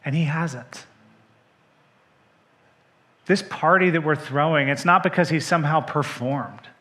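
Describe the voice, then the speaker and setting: A man preaching a sermon to his church, moving between soft, hushed lines and loud, emphatic points, speaking straight to the congregation. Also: a little high, measured pace. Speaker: pastor. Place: church sanctuary.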